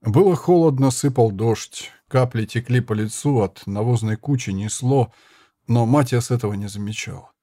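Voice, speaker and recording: A man narrating an audiobook in a measured, hushed storytelling manner. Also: mid-range voice, no echo. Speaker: audiobook reader.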